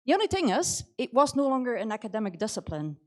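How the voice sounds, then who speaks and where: A slightly high voice with big pitch swings and a quick pace belongs to a middle-aged woman giving a conference talk. Her English has a Belgian accent and a hint of New Zealand, and her motivational career chat leans heavily on "you know".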